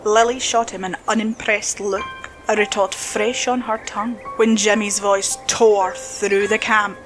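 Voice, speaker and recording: A woman narrating a horror story slowly and dramatically, dropping to a hush at tense moments. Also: mid-range voice, flat delivery. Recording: spooky music bed under voice.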